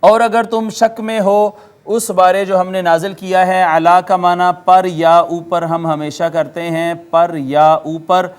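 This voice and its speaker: A male lecturer with a Pakistani Urdu accent teaches Arabic grammar to viewers. His voice sits high and sounds smooth and clear. He works through each word methodically and repeats its meaning patiently. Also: little pitch movement. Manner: chants Quranic words slowly in a drawn-out recitation tone. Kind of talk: classroom-style recorded lecture.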